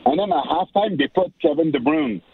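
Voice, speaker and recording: Man, excitable radio guest, phone line, husky voice, gravelly. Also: a little high, fairly quick. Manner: excitable, repeats himself, starts over a lot. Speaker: radio show guest analyst. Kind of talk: casual sports talk. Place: in Montreal.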